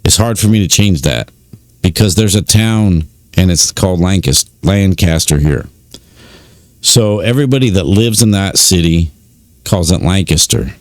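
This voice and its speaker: A man's voice: low voice, expressive, moderate pace, no echo. A man giving casual commentary, reading out records with many fillers and informal asides. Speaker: YouTube commentator on prison news.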